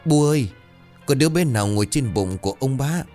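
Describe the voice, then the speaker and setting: A man's voice: medium pitch, animated, a little fast, music in the background, pitched above the performer's own voice, close to an everyday voice. A man voicing a frightened small child who calls out in alarm.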